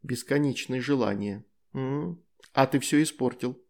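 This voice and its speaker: A man's voice: mid-range voice, a little slow, vocal fry. A man voicing a playful, teasing demoness wife and mother in an audiobook story.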